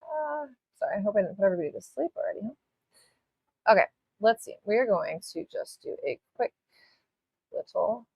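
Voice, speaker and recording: A woman's voice: mid-range voice, big pitch swings, moderate pace, creaky, long pauses, slightly rough, no echo, dull audio. A woman hosting a live nail art tutorial, chatting casually as she works, rambling, apologizing and swearing a little. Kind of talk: live-stream tutorial chat.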